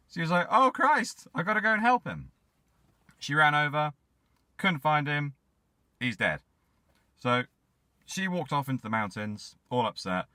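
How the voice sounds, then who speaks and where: A man casually retelling an old myth as a comic story, full of deadpan asides. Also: medium pitch, dry recording. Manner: jokey, deadpan asides, rambling.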